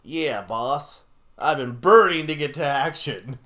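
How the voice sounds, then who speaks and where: A man's voice: a little high, takes it slowly, bright, forceful tone. A man voicing a dim, hot-headed fire henchman in a video game, blustering and eager to burn things. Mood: eager, aggressive.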